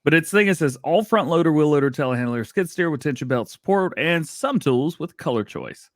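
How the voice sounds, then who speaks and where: Animated man hosting a casual stream. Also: fairly high pitch, fairly quick, dry recording, clean studio sound. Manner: animated, laughs often, playful sound effects. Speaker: livestream show host. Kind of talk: casual livestream chat.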